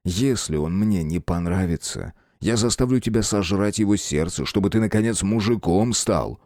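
A crude, hot-headed tough guy threatens his friend, as a man voices him in an audiobook. The voice is dark, and the recording is dry. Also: low voice, normal speed, dry recording. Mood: threatening. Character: gruff short-tempered threatening man.

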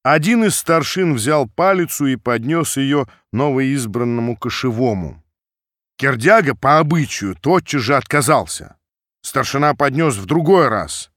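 A man narrating classic prose for an audiobook with an expressive delivery. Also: mid-range voice, unhurried, dry recording, clean studio sound.

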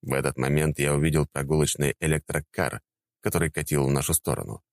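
A man narrating a fantasy audiobook in a calm, even manner. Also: very deep voice, fast, vocal fry, no echo, studio quality.

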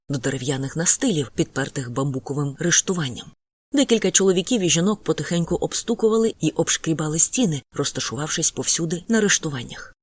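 An audiobook narrator reading a first-person novel in an even, descriptive manner. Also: mid-range voice.

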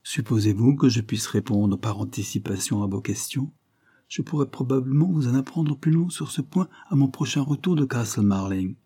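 Man reading as a calm young lawyer, firm, good-humoured, dark husky voice, storybook. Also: medium pitch, normal speed, voice pushed up. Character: calm self-possessed young male lawyer.

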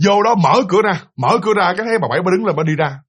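A man's voice: high-pitched, expressive, racing, fairly bright tone, breathy edge. A man telling a ghost story in a chatty way, speaking straight to his listeners. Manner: chatty, addresses listeners directly. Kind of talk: casual spoken ghost story.

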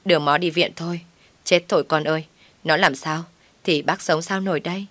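A woman's voice: fairly even intonation, fairly quick, fairly bright tone, dry recording. A woman voicing a scolding older mother-in-law who nags and shrieks in a raised voice. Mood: fretting. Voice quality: shrill, nagging.

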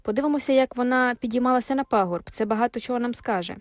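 A cheerful, hearty farmhand man, as a female narrator puts him on bursts out in excited, raised exclamations. His voice sits high and bright over a dry, close sound with faint music behind. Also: fast, no echo, close to an everyday voice. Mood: eager. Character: jovial hearty male farmhand.

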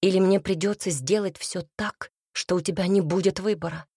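A woman's voice: on the low side, steady tone, moderate pace, warm tone, slightly rough, no room sound, studio quality. A woman reading the part of a fiery, defiant young man in a storybook, speaking with vehemence and bitterness. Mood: bitter. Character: young man, hot-tempered, defiant, devoted lover.

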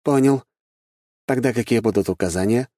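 A man's voice: mid-range voice, normal speed, dark tone, no echo, clean studio sound, voice pushed up, close to an everyday voice. A man reading an audiobook, voicing a dutiful male servant who reports to his master in a respectful, businesslike way. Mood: deferential. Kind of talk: audiobook character voice.

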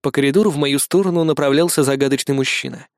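A male reader narrating first-person fiction in a measured, descriptive way, on a close studio mic. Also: mid-range voice, no room sound. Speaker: audiobook reader.

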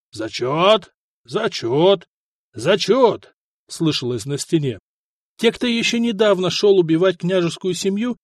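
A man narrates an audiobook with expressive, lively intonation. His voice sits slightly high and the recording is dry and close. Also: dry recording. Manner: expressive storytelling. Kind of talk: scripted narration.

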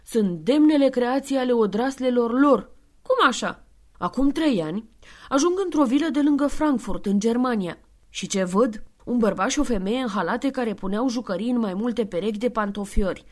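A woman narrating a literary audiobook in a lively, expressive storytelling manner. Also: a little high. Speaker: audiobook reader.

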